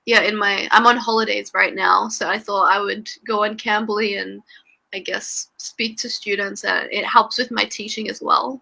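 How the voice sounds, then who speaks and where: A woman's voice: mid-range voice, gravelly, pushed and bright. A young Australian woman, an English tutor, chatting casually on a video call with lots of fillers and laughter. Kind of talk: casual online lesson chat.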